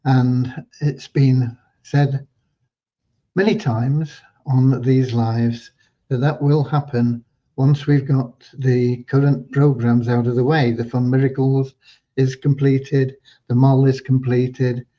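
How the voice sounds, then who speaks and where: Older guy hosting a live q&a, mellow voice, takes his time, ums a lot, kinda muffled audio. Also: medium pitch, flat delivery. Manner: unhurried, with frequent ums and restarts. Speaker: host of a community livestream. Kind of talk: livestream updates and Q&A with prayer. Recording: dull lo-fi livestream audio.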